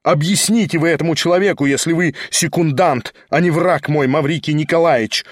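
A man's voice: a little high, fairly quick, dry recording, clean studio sound, close to an everyday voice. A man voicing an enraged nobleman at a duel, screaming and frantic. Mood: furious. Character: enraged male nobleman dueling, shrieking.

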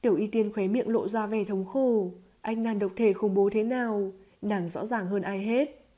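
A woman giving scripted audiobook narration of a novel in an even, steady storytelling manner. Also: medium pitch, moderate pace.

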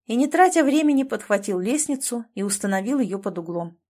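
A woman's voice: mid-range voice, lively intonation, a little fast, a little mellow. Woman reading an audiobook. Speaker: audiobook narrator. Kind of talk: scripted audiobook narration.

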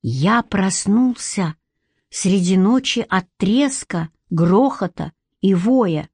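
A woman reading a story aloud as audiobook narration, at a slow, measured pace. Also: medium pitch, animated, a little mellow, slightly rough, no echo, studio quality. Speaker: audiobook reader.

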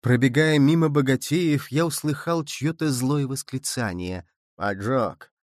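A man narrates a literary story at a measured, expressive pace. His voice sits mid-range for a man. The recording is close and dry, with no room sound. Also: medium pitch, no room sound. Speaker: audiobook narrator.

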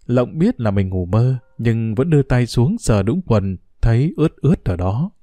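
A man narrating an audiobook in a steady storytelling manner. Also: medium pitch, moderate pace, no echo, soft background music.

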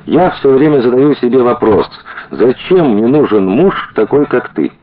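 A man's voice: mid-range voice, sing-song, moderate pace, narrow, tinny audio, voice pushed up, lightly acted. A man reading a wry, tender young wife.

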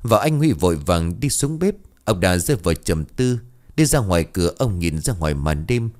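A man narrating a ghost story in a lively, dramatic way. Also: sits low, normal speed.

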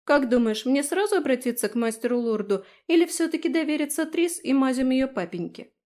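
A woman's voice: high-pitched, expressive, a little fast, a little mellow, pitched above the performer's own voice. A woman voicing a chatty, complaining young girl.

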